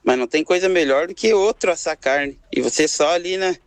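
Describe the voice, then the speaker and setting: Easygoing Brazilian caller, dry sound. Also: male voice, fairly high pitch, brisk, no echo. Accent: Brazilian Portuguese. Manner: easygoing, relaxed. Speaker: radio caller. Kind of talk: casual phone call.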